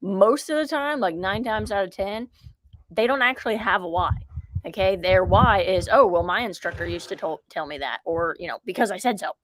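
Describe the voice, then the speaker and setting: Energetic woman coach saying "okay?" a lot. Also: medium pitch, normal speed. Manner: energetic, repeats "okay?" and urges viewers to comment. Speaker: riding coach. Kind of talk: live-streamed riding lesson talk. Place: outdoors at a ranch. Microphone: phone camera held close.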